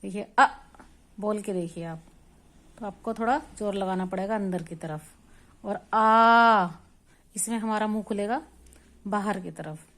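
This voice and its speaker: A woman teaching Hindi vowel signs, drawing out each sound loudly and then explaining it softly, step by step. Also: mid-range voice, moderate pace. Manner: patient, step-by-step instruction while writing. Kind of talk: slow spoken lesson on Hindi vowel signs.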